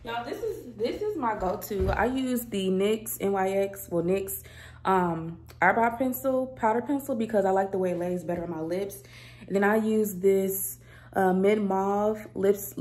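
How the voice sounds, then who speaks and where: With a medium-pitched, slightly mellow voice, a young woman films a casual vlog at home on a handheld phone at arm's length. She chats to camera from her kitchen and living room, addressing her audience as y'all.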